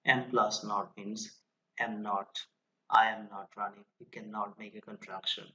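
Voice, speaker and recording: Low-voiced man teaching an online grammar class. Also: little pitch movement, pushed and bright, muffled recording. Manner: slow, explanatory, reads example sentences aloud. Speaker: English teacher.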